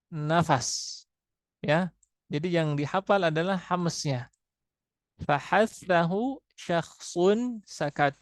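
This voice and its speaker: A man teaching Quran recitation rules, slowly repeating and sounding out Arabic letters for his students. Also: a little high, dry recording, clean studio sound. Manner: slow, repetitive, demonstrates letter sounds aloud. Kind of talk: classroom tajwid lesson.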